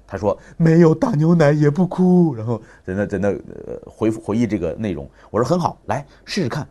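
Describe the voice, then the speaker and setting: A man's voice: on the low side, a little mellow. A man in his thirties giving a public talk on parenting, telling family stories and acting out the dialogue. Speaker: parenting speaker.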